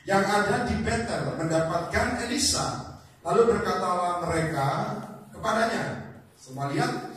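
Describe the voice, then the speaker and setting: A man preaching a lively sermon, blunt and animated, calling on the congregation to answer amen. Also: sits high, moderate pace. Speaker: evangelist preacher. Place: church hall in Jakarta. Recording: echoey hall, distant mic, faint noise.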